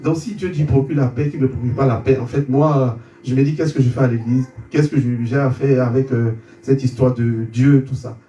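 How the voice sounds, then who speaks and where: A man's voice: medium pitch, fairly even intonation, brisk, hardly any pauses, mellow. A man from Côte d'Ivoire, giving a testimony as an interview guest. He tells his story with stumbling repeated words and acts out the dialogue in it. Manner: stumbling repetitions, re-enacting dialogue. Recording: roomy sound, distant mic, faint background hum.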